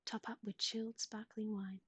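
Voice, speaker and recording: A woman whispering recipes in a soft ASMR style, close to the mic, with gentle asides to a pet. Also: mid-range voice, flat delivery, moderate pace, breathy edge, dry recording. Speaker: ASMR streamer.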